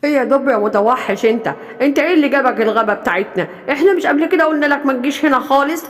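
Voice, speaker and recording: A woman's voice: sits high, racing, big-room sound, close to an everyday voice. A woman with an Egyptian accent voicing a caring, protective lion father in a bedtime storybook, speaking in a reassuring fatherly way. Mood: angry. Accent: Egyptian Arabic.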